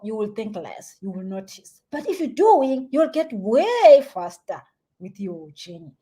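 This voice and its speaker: A young South African woman giving spiritual advice in a casual live stream, animated and chatty, sometimes dropping to a soft near-whisper. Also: a little high. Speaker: spiritual teacher answering viewer comments.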